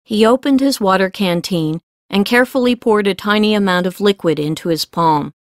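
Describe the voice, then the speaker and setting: A woman narrates scripted fiction as an audiobook reader, telling the story in a measured way. Her mid-range voice is recorded at studio quality with no echo.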